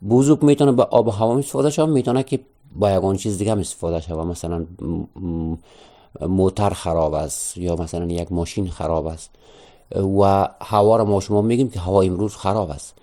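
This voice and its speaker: A man teaching an online language lesson, patiently repeating each word slowly and explaining how to pronounce it. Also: sits low, dark tone. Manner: patient, repeats words slowly and spells out pronunciation.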